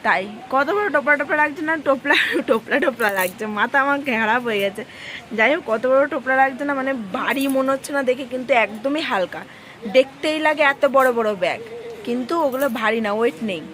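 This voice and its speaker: Hoarse chatty woman vlogging at home. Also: sits high, expressive, quick pace, fairly bright tone, slight background noise. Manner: chatty, talks to viewers directly. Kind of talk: casual vlog narration.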